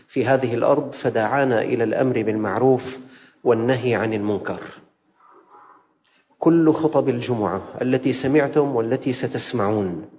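A male preacher delivers a Friday sermon in a mosque, in a voice of middle pitch. His measured delivery slows for recited verses and builds through repeated rhetorical phrases. The sound is dull and carries a long hall reverb. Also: darkish tone. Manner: rhetorical repetition and questions.

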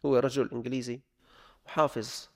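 A man teaching religious law, reading the text and then explaining it in colloquial speech, repeating examples slowly. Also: mid-range voice, little pitch movement.

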